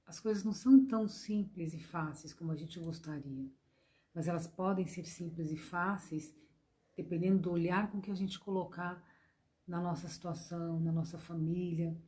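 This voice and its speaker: A woman with a Brazilian Portuguese accent teaches a spiritist course, giving a gentle devotional lesson to an online class. Her low, mellow voice is slightly hoarse, and she repeats her points while tenderly calling her listeners "gente" and "meus amores".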